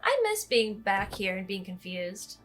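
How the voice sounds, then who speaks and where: A woman's voice: medium pitch, big pitch swings, measured pace, fairly bright tone, a little hiss or hum. A sleepy woman co-hosting a let's play, chatting casually and sounding a bit overwhelmed. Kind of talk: casual gameplay chat.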